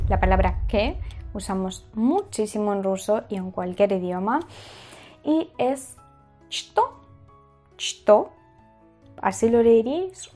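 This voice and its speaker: Woman language teacher, slow and mellow, patient drills with repeated words. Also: medium pitch. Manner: patient, repeats example words many times. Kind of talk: pronunciation lesson.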